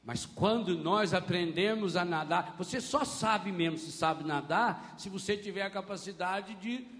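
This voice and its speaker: Brazilian priest giving a sermon, high sharp voice, acts stuff out loud, echoey hall. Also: male voice, a little slow. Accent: Brazilian Portuguese. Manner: animated, acts out scenes with shouts.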